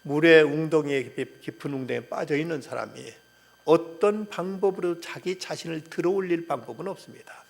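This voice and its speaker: Pastor delivering a sermon, earnestly emphatic with frequent fillers, voice very gravelly and husky. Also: male voice, on the high side, brisk.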